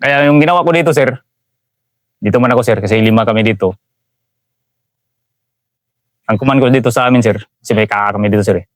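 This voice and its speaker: A man's voice: on the low side, a little fast, long pauses, no echo, studio quality. A Filipino man, a soldier, recounting a combat ambush in an interview, respectfully adding "sir" to nearly every phrase. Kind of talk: interview storytelling.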